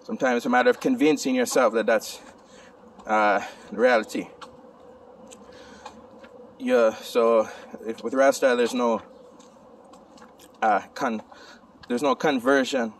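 Young male vlogger, Rasta speech, insistent and repetitive reasoning, mid-pitched, distant outdoor phone sound with faint noise. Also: expressive, measured pace, pauses often. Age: young adult. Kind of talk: Rasta speech, informal reasoning talk to camera. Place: outdoors under open sky and trees. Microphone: phone held at arm's length.

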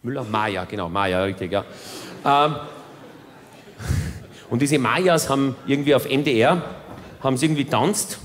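Rambling Austrian cabaret comic on stage. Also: male voice, mid-range voice, measured pace, long pauses. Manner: rambling, deadpan, self-interrupting. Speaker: cabaret performer. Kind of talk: stand-up cabaret monologue. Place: theater stage, live audience. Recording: reverberant theater hall, faint noise.

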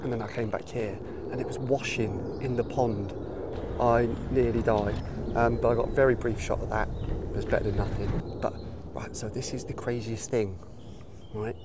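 A man's voice: medium pitch, steady tone, normal speed. British man vlogging outdoors, noisy ambience. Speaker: wildlife vlogger. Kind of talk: casual vlog chat to camera while out walking. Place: outdoors on heathland and in open woodland. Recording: outdoor background noise, birdsong and ambience.

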